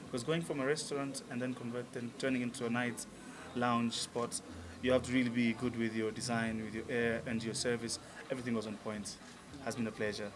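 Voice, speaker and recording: Brisk and flat, with few pauses, a medium-pitched man talks over background noise. The musician guest, a Tanzanian in his thirties, is being interviewed casually in a restaurant lounge, sounding enthusiastic and using many fillers, and a table mic on a stand captures him.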